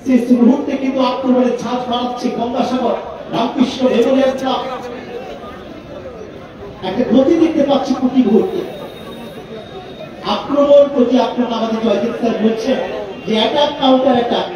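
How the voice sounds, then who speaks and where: A man gives football commentary in a very high voice. He sounds far off and heavily echoing, like a dull public-address feed, with a crowd around. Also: fairly even intonation, a little fast, pauses often. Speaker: match announcer and commentator. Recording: dull, very echoey distant loudspeaker, crowd noise.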